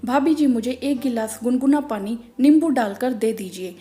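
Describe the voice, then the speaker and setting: Brief: a woman doing a courteous brother-in-law in a storybook reading, mellow tone. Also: on the high side, moderate pace, faint music behind, natural voice. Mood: polite. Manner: polite, courteous. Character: polite brother-in-law, calm adult man.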